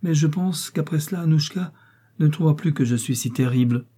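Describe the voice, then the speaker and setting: Brief: man playing an aristocratic prince for an audiobook, quiet and caring. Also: medium pitch, normal speed, slightly rough, close to an everyday voice. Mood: tender concern. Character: proud aristocratic prince, tender with his wife.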